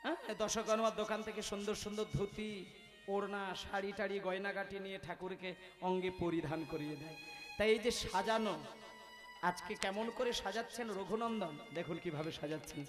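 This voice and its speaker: Male kirtan performer with a very high voice, devotional storytelling with music. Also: steady tone, a little fast, in a large hall. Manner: dramatic, repetitive, speaks to the women in the audience.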